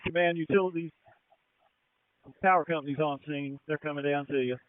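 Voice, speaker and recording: A man's voice: a little high, steady tone, a little fast, a little hiss or hum. A male firefighter giving procedural status reports over a two-way radio. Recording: thin narrow-band radio transmission.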